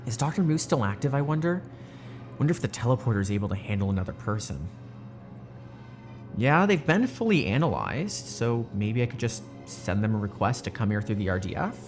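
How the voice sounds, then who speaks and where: A weary doctor at a secret research site played by a woman in an audio drama. The speech is casual, muttering and halting, with animated pitch movement. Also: soft background music. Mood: musing.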